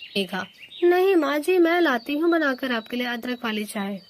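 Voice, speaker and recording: A woman's voice: high voice, lively intonation, normal speed. A woman voicing a quarrelsome female sparrow, the elder daughter-in-law in a cartoon. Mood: arguing. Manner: argumentative.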